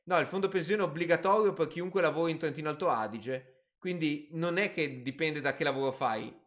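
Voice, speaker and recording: The speaker is a finance channel host, a man whose voice sits on the high side and sounds a bit bright. During a casual personal finance live stream, he reads viewer questions out loud and responds spontaneously with hedges and asides.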